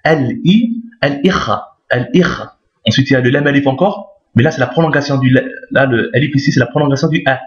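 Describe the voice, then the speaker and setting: A man's voice: mid-range voice, fairly even intonation, fast talker, hardly any pauses. Patient male teacher in a roomy recording. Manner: patient and repetitive, checks understanding often. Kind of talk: recorded Arabic alphabet lesson. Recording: roomy, dull lo-fi sound.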